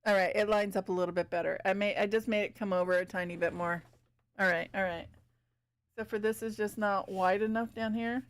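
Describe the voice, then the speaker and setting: A woman's voice: medium pitch, fairly even intonation, brisk. A woman streaming live as she paints, chatting casually with viewers, thinking aloud and giggling often.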